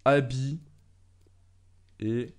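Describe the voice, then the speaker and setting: A young man commentating his own soccer video game match, swinging from calm musing to loud excited shouts when the action heats up. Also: mid-range voice, drawn-out words. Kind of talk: excited let's-play commentary.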